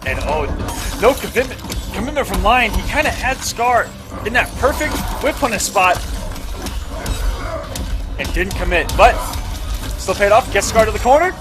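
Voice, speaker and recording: Male fighting game caster, high-pitched voice, live play-by-play with music and game audio behind. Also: lively intonation, normal speed, long pauses. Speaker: esports tournament commentator.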